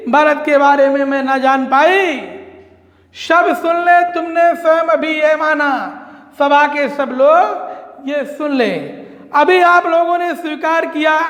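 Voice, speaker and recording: High-voiced man slowly explaining a poem. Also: fairly bright tone. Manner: recites each verse, then repeats and paraphrases it in plain words. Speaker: Hindi teacher. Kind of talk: explaining a Hindi poem line by line. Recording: roomy echo with a long reverb tail.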